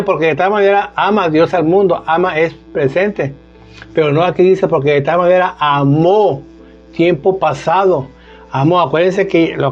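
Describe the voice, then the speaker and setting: A man's voice: on the high side, a little mellow. A man preaching an informal sermon, talking conversationally and often asking "¿verdad?". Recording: dull lo-fi sound with faint music.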